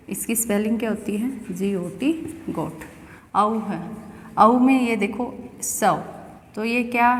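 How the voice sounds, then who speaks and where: A woman from India teaching an English pronunciation lesson, explaining step by step and often asking the student questions. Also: medium pitch. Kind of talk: classroom lesson. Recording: echoey room with long reverb.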